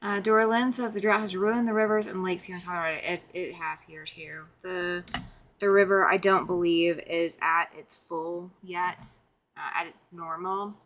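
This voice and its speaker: A woman chats casually on a late-night craft livestream, greeting viewers by name and laughing easily. Her voice sits a little low, with faint noise behind her. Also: fairly even intonation, normal speed, fairly bright tone. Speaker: livestream host.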